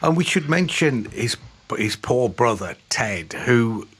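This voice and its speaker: A man's voice: medium pitch, expressive, takes it slowly, a bit bright, husky. A man hosting a radio interview in a conversational way, often restarting his questions. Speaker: radio host.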